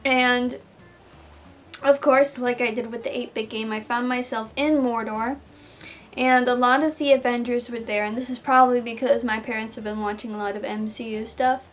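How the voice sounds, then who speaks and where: Higher-voiced young woman rambling through a dream. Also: fairly even intonation, moderate pace, faint music behind. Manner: loose, self-interrupting storytelling. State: sore throat. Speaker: vlogger. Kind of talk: casual rambling dream recounting. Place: small room at home, indoors.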